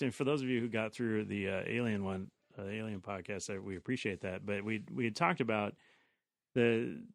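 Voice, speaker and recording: A man co-hosts a casual film podcast, chatty and opinionated, and now and then turns to the listeners. His voice is on the low side. The sound is dry and close to the mic. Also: vocal fry, no room sound. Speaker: podcast co-host. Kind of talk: casual chat about films.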